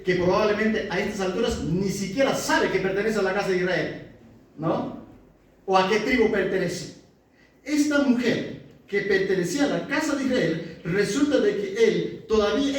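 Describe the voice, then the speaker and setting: A man teaching a Bible study in a conversational way, often checking in with his listeners by asking whether they follow. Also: sits high. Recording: very echoey room, far from the mic.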